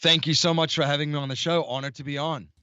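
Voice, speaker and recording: A South African man in his thirties, a guest in an interview, telling his story haltingly with many fillers. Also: on the high side, steady tone, sharp tone, clear, resonant tone, dry recording, dull audio. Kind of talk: conversational interview.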